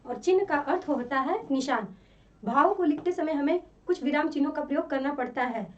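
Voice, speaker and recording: A woman teaches a lesson in a high, clear voice. She explains slowly and patiently and goes over each example more than once. The recording sounds dull and a little distant from the mic. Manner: slow, explanatory, repeats examples. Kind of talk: classroom lesson.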